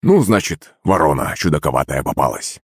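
A man reading an audiobook, voicing a jovial old grandfather who grumbles in a low, folksy way. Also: sing-song, fairly quick, breathy edge, dry recording, studio quality, exaggerated voice. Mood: grumbling. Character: gruff jovial old grandfather, fond of drink.

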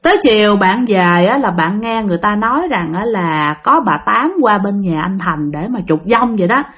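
A woman with a Southern Vietnamese accent tells a ghost story in a chatty, drawn-out manner, using many particles at the ends of her sentences. Her voice is medium in pitch, animated, and a little bright.

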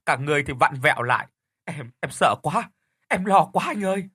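A man voicing a panicked, grieving middle-aged wife who pleads breathlessly in a raised pitch. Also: expressive, brisk, bright, forceful tone, breathy edge, no echo, studio quality, exaggerated voice. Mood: tearful.

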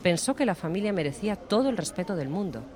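A man narrating an audiobook in a steady, measured storytelling voice. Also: sits high. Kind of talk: scripted narration.

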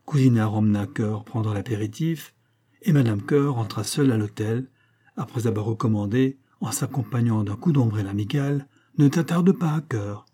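A man reading a classic short story aloud in a measured, expressive way. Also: on the low side. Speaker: audiobook narrator. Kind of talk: literary audiobook reading.

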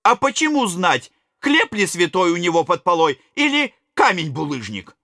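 A man's voice: high-pitched, big pitch swings, normal speed, sharp tone, dry recording, studio quality, voice pushed up, exaggerated voice. A man voicing an old grey-bearded male miller, sly and evasive, talking in a wheedling, coaxing way.

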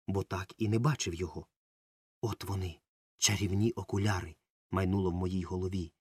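A man narrating a children's story as an audiobook, telling it lively and acting out the dialogue. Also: on the low side, husky, no echo. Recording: dry close mic with faint music.

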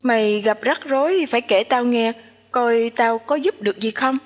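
A woman's voice: fairly high pitch, moderate pace, lightly acted. A woman voicing a nosy, teasing young woman who talks in a bossy, chatty way. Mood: coaxing. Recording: long hall reverb.

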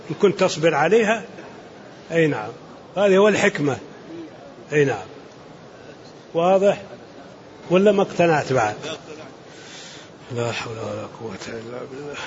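An older man from Saudi Arabia, an Islamic scholar answering questions in a measured, explanatory lecture, reading each question aloud and then rebutting it. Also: on the high side. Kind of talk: religious Q&A lecture. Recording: muffled lo-fi lecture recording with faint hiss.

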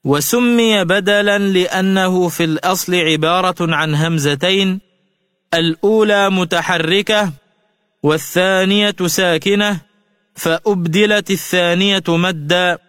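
A man giving a radio lesson on Quran recitation rules, with measured explanations and slow chanted example words. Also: high-pitched, steady tone, fairly bright tone, clean tone, no room sound, clean studio sound, big-room sound.

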